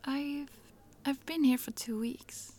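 Whispering softly and giggling, a woman voices a chatty, friendly young traveler from Sweden, Swedish accent included, for an ASMR roleplay. She speaks slowly in a high-pitched voice.

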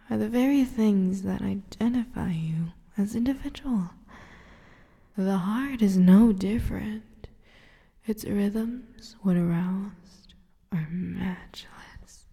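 A cruel, gloating succubus, as a woman acts her out breathes out each taunt in a dark, gravelly whisper, so breathy it is nearly all air. She drags every phrase out slowly, and a long hall reverb trails behind her. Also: medium pitch, full character voice. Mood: hypnotic hush. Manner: whispers almost every line, slow and taunting. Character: predatory teasing female succubus, cruel and gloating. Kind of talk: erotic audio roleplay.

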